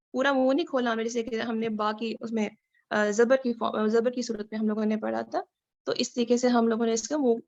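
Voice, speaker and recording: A woman teaching Quran recitation in an online lesson over slides. She talks slowly and patiently, stretching out Arabic words to show how they are pronounced. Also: on the high side, creaky, muffled recording. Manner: slow, patient, drawing out Arabic words to demonstrate pronunciation.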